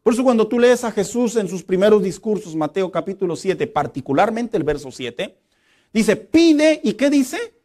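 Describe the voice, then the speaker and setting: A middle-aged male pastor, preaching a lively, humorous sermon and acting out quotes. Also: sits high, moderate pace.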